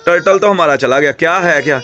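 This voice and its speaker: A young man hosting a casual pet vlog at home, chatting excitedly and coaxing his animals. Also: fairly high pitch, fast talker, muffled recording, noisy background. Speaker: pet vlogger.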